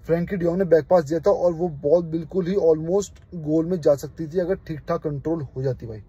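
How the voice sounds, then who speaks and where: A man's voice: a little high, fairly quick, mellow, husky, muffled recording. A young man from India, a football fan channel host, giving his opinions in an emphatic, passionate casual vlog. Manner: passionate, emphatic, keeps saying "brother".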